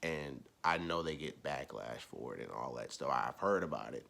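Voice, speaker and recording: A young man with a very low voice and a bright, forceful edge, ranting casually to his viewers. He rambles and repeats himself. He drops to low mumbles, then punches out loud, emphatic lines. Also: animated, moderate pace, gravelly. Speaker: vlogger. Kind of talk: casual opinion rant.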